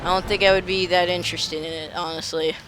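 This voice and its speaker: A man's voice: sits high, flat delivery, fast, background noise. A young man hosting a let's play, rambling and stammering through casual commentary and poking fun at himself. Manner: rambling, stammering, self-mocking.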